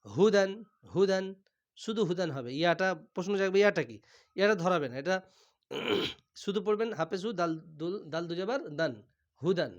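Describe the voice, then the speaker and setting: A man leads a recitation class, slowly spelling out letters and vowel marks one by one. His voice is smooth and clear and sits a little high. He clears his throat often as he goes. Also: highs cut off. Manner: patient, repeats each syllable slowly. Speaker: Quran teacher.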